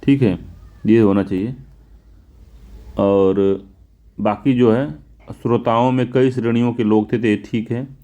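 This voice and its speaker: A man with a North Indian Hindi accent going through exam questions as a teacher, repeating key words slowly for emphasis. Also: mid-range voice, steady tone, mellow, lo-fi sound. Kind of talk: explaining test answers.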